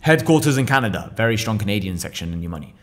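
On a casual podcast, a young English business owner in his twenties talks fast and bluntly, cursing freely, his slightly low voice swinging widely in pitch. He sits at a table in a small, visible indoor room, speaking into a boom mic on an arm.

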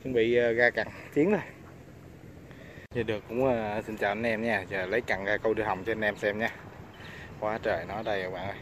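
A man with a Southern Vietnamese accent hosting a fishing vlog from a river raft, breaking into loud exclamations when he lands a fish. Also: fairly low pitch, fairly even intonation, brisk, long pauses, noisy background. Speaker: fishing channel host. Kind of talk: excited fishing vlog commentary. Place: on a floating raft on a river outdoors.

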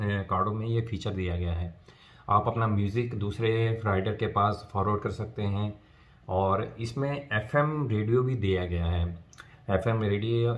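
A man in his thirties from India, with a lowish voice and a fairly bright tone, walks viewers through a product installation step by step. He's a motovlogger making a casual tutorial vlog in a small indoor room at home, speaking directly to his audience.

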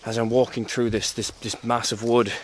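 A man's voice: medium pitch, flat delivery, moderate pace. A man in his thirties talking casually to a handheld camera on an outdoor trail, rambling candidly with fillers and restarts. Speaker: hiker vlogger. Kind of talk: casual walking vlog to camera. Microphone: handheld camera at arm's length.

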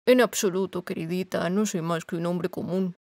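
A woman's voice: lowish voice, fairly even intonation, normal speed, a little mellow, no room sound, clean studio sound, lightly acted. A woman voicing a timid aging little man who poses as a great wizard, speaking meekly and shakily in an audiobook. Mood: humble. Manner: shaky, meek.

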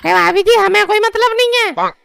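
Woman doing a squeaky, sarcastic cartoon shopkeeper man. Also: normal speed, fairly bright tone, slight background noise, heavily acted. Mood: sneering. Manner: sneering, gruff, sarcastic. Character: grumpy, sarcastic male vegetable shopkeeper. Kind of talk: cartoon comedy dialogue.

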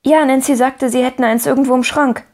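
A woman's voice: fairly even intonation, a little fast. A woman voicing a cheerful, optimistic little orphan girl who talks eagerly and pleadingly in a raised voice. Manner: eager, pleading, bright and higher.

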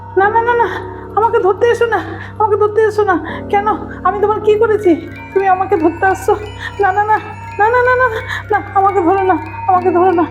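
A woman playing a shrill terrified mother. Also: steady tone, brisk, pauses often, lo-fi sound, soft background music. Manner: shrill, repeated pleading cries. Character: frightened mother. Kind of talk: comic horror skit acting.

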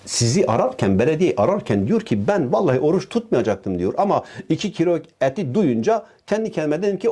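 Fast, combative male political YouTuber. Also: medium pitch, dark tone. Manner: indignant, combative, addresses the official directly. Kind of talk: reaction commentary.

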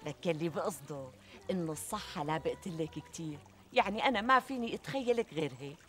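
An actress playing a flattering, reassuring middle-aged Syrian friend who talks emphatically in a TV comedy. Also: female voice, on the low side, quick pace, faint music behind, lightly acted. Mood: coaxing. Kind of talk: conversational TV comedy sketch acting. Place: outdoors in a garden. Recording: outdoor ambience, trickling water noise.

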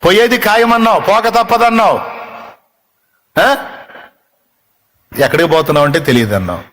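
A man's voice: sits high, moderate pace, a bit bright, voice pushed up. A man voicing a blunt fool in a spoken story, pressing question after question. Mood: prodding. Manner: insistent, probing questions.

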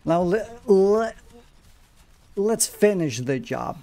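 A man's voice: high voice, slow pace. A man narrating his own gameplay, swearing freely and talking to the monster he fights. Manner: swears often, talks to the monster, excitable outbursts. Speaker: gamer. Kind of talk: live gameplay commentary.

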